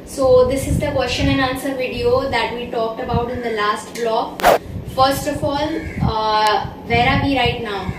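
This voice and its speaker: A woman's voice: fairly high pitch, steady tone, unhurried. A woman in her twenties from India, chatting casually as a vlogger, talking with her hands while sitting in a bedroom. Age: 20s. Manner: chatty, gestures with both hands. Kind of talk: casual Q&A chat. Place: bedroom, indoors. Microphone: far camera. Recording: echoey room, far from mic, loud hiss.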